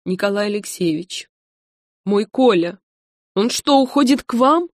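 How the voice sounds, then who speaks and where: A woman reading an audiobook voices a bitter, aggrieved older wife who speaks loudly and scornfully. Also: medium pitch, normal speed, dry recording, studio quality, close to an everyday voice. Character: bitter aging wife, tearful then threatening.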